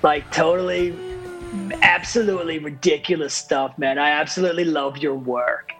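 A man's voice: fairly high pitch, fairly even intonation, normal speed, pushed and bright, soft background music. An Australian man putting on a laid-back young American dude voice with a drawling, filler-heavy manner. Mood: breezy. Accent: American, put on.

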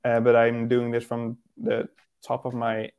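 A man's voice: medium pitch, monotone, unhurried, a little mellow, clear, resonant tone. Hesitant Dutch-born man, guest photographer. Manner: hesitant, many fillers and restarts. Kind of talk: casual interview chat.

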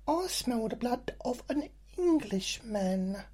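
Ogre giant read by a man, low raspy growl, unhurried. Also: sing-song, mellow, exaggerated voice. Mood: menacing. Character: hungry giant male ogre, menacing.

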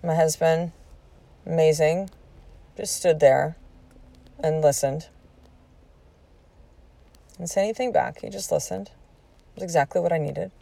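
A woman's voice: low voice, unhurried, creaky, long pauses. Candid, profane woman in her forties. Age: 40s. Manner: candid and profane, animated retelling with quoted speech. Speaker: podcast host. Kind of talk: personal storytelling monologue.

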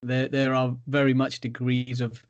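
A man's voice: mid-range voice, monotone, normal speed, dull audio. A British man co-hosting in casual banter with dry, teasing humour. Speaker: podcast co-host.

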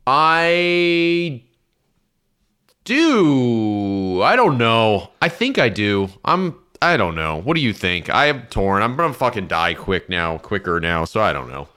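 A man co-hosting a casual gaming podcast who hesitates and second-guesses himself as he talks. He swears freely. His voice is bright and forward, and it rises and dips a lot. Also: mid-range voice, big pitch swings, slow, smooth. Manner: wavering and self-doubting, swears casually. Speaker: podcast co-host.

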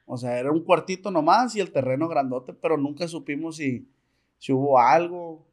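A man's voice: a little high, normal speed, a crowd in the background. A man with a Mexican accent, a podcast guest telling a story in casual slang and acting out the dialogue. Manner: slangy, animated, acts out quoted dialogue.

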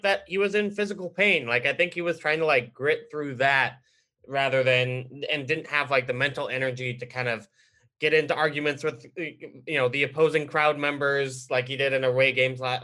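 A young man chats casually as a sports writer on a podcast. His voice is medium in pitch with a bright edge, and he works out his thoughts haltingly as he goes.

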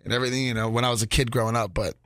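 Male comedy MC for casual studio chat, hesitant and self-correcting, bright and dry. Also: medium pitch, fairly even intonation, very fast, no room sound. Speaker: comedy club MC.

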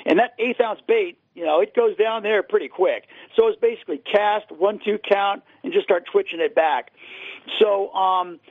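A man with a high voice, speaking at normal speed and without echo, chats casually and at rambling length as a guest on a radio show. He's an angler, and he comes through a tinny phone line.

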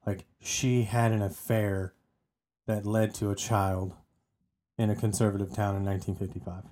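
Casual podcast co-host, male, mellow tone, chatty and given to restarts. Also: on the low side, little pitch movement, moderate pace. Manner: chatty, often repeats words while restarting. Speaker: podcast co-host telling the story. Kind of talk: casual true-crime podcast storytelling.

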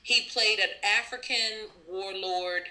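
A woman in her thirties hosting a casual chat, animated and quick to laugh, with loose slangy speech. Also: medium pitch. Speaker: podcast host.

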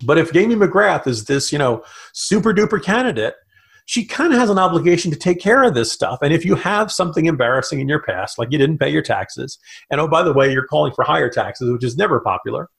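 Gravelly man talking politics fast. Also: on the high side, lively intonation, a bit bright. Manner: rapid, analytical, with frequent restarts. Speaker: political commentator guest. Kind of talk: casual political chat.

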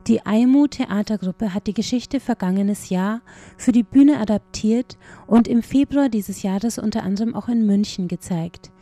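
Woman reporter reading a scripted culture piece, soft mellow tone, music underneath. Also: mid-range voice, moderate pace, no room sound. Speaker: radio reporter.

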